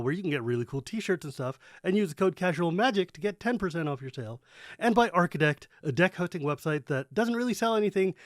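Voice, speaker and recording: Higher-voiced man hosting a casual podcast. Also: no room sound, clean studio sound. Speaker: podcast host. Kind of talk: casual chat.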